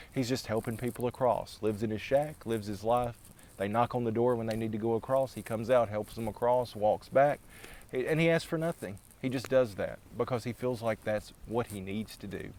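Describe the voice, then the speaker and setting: A man's voice: medium pitch, darkish tone. A man telling a legend aloud in a casual, dramatic way, building tension through repetition and restarting his sentences. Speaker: storyteller. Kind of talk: oral storytelling of a legend.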